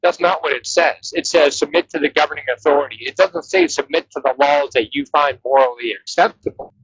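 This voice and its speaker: A man in an online group debate, talking insistently and quoting scripture, his voice thin and tinny with no bass, like a walkie-talkie. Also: sing-song, a little fast, creaky, fairly bright tone, breathy edge, no echo. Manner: insistent, cites scripture, breaks in to interrupt. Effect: thin tinny headset audio with no bass, like a walkie-talkie. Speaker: debate participant. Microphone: cheap headset. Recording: dull lo-fi headset line.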